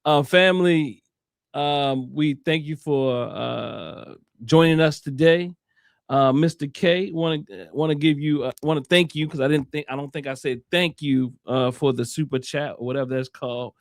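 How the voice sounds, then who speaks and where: A man hosting a casual online chat show, talking in a playful way with many halting restarts and repeated words. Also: a little high, vocal fry, no echo, clean studio sound. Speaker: host.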